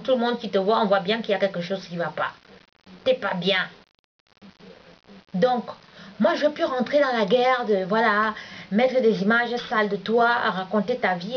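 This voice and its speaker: A woman, scolding a rival in a heated, repetitive monologue. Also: medium pitch. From Cameroon. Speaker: vlogger. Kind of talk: confrontational monologue addressed to a rival. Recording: dull lo-fi recording with faint hiss.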